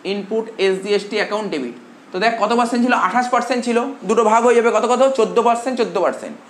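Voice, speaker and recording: Male tutor dictating notes in a roomy classroom. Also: high-pitched. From India. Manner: dictates slowly and repeats phrases, quizzing students. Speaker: commerce tutor. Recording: roomy classroom echo, faint hum.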